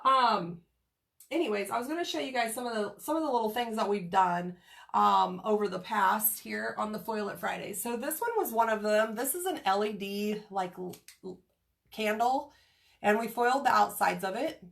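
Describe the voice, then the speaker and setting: A woman's voice: mid-range voice, normal speed, vocal fry, fairly bright tone. A woman from Kansas getting over a cold, with a nasal, scratchy voice, chatting casually while doing crafts on a livestream and greeting viewers by name. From Kansas, USA.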